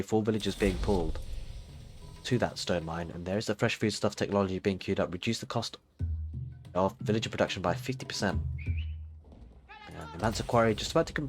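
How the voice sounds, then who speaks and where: A man giving steady play-by-play commentary on a strategy game match, explaining moves as they happen with frequent fillers. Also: fairly low pitch. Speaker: esports caster.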